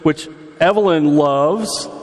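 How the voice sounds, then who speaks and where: A man's voice: on the high side, slow pace, a little mellow. A man in his forties preaching a sermon in a church hall, chatty and quizzing the congregation, his voice echoing through a big hall. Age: 40s. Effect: big hall echo. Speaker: pastor. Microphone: PA microphone. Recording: reverberant hall.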